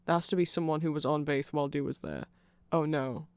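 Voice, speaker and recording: In a rambling ASMR style, someone with an androgynous, medium-pitched voice explains fan lore, amused and enthusiastic, easily flustered, often doubling back to correct a point or letting a thought trail off. The tone is darkish and smooth, fairly even in intonation, and the pace brisk. It's recorded close and dry, with no echo.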